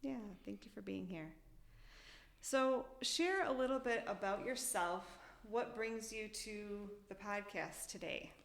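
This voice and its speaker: A woman hosting a community interview podcast, introducing her guest in a clear, friendly way. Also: medium pitch, takes it slowly. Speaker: podcast host.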